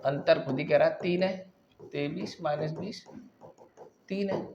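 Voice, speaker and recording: A male maths teacher giving a classroom lesson, working through problems step by step and often pausing to check that students follow. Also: on the high side, creaky, a little mellow, muffled recording, slight background noise.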